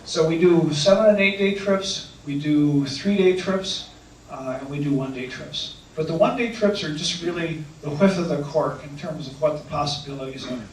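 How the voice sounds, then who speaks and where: A man who guides canoe and kayak trips answers audience questions earnestly and hesitantly, repeating each question before replying. His voice is fairly high at a moderate pace, picked up from a distance in an echoey room with faint noise.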